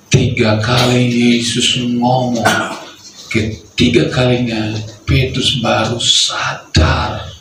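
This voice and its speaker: A male pastor preaching a sermon, telling the story with animated delivery and acting out the dialogue. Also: mid-range voice, background noise. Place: church hall. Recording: echoey hall, voice from far off.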